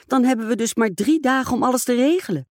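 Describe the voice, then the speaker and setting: A woman reading aloud, voicing a gentle, timid young stepdaughter who speaks hesitantly and politely. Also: on the high side, quick pace, no echo, studio quality, pitched above the performer's own voice, close to an everyday voice. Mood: anxious.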